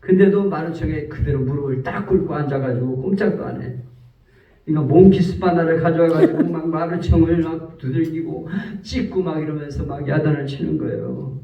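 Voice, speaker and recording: Korean pastor preaching in an echoing church. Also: male voice, on the high side, a little fast, creaky. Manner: storytelling, acts out quoted speech. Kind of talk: sermon. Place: church sanctuary. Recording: roomy, distant, dull church recording.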